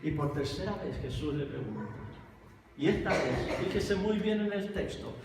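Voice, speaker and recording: High-voiced preacher in an echoey hall. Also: male voice, lively intonation, moderate pace. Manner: emphatic, addresses listeners directly. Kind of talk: sermon. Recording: echoey hall, distant mic, faint noise.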